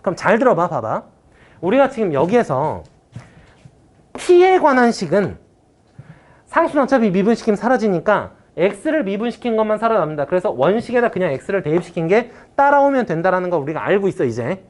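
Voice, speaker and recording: Lively woman math teacher. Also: medium pitch, a little fast. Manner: casual, talks to students directly, checks understanding often; mock-exasperated outbursts. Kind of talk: classroom math lecture.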